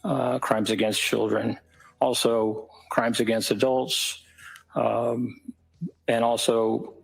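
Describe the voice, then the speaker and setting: A man giving formal testimony in a courtroom as an expert witness, answering carefully and haltingly. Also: mid-range voice, little pitch movement, vocal fry, slightly rough, poor audio. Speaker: expert witness, psychiatrist and professor.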